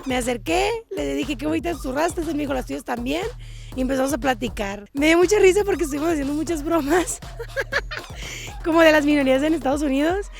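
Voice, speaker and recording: A woman's voice: high-pitched, fairly quick, vocal fry, faint music behind. A young Mexican woman with a Mexican accent vlogging on her phone in airports, chatty, slangy and worn out from travel. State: tired from travel. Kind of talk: casual travel vlog. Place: airports, in transit.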